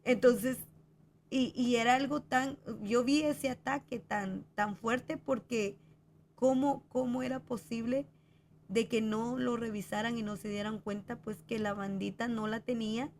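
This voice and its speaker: A woman's voice: on the high side, steady tone, measured pace, darkish tone, slight background noise. A woman talking in a reflective, conversational way, hesitating with fillers as she works through her thoughts. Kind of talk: conversational podcast talk.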